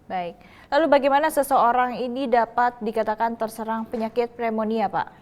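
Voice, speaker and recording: A woman news anchor politely putting prepared questions to a guest and adding soft hums of agreement. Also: on the high side, moderate pace. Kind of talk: scripted interview questions.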